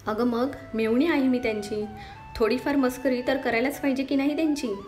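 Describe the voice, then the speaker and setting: A woman's voice: sits high, steady tone, a little fast, a little mellow, faint music behind, close to an everyday voice. A woman voicing a homely middle-aged mother. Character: kindly middle-aged mother, gently scolding.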